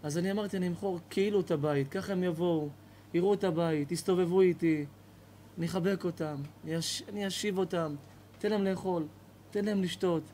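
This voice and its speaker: A man's voice: high voice, fairly even intonation, mellow, slight background noise, lightly acted. A man voicing a lonely old man who pleads through tears, his voice breaking. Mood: tearful, pleading.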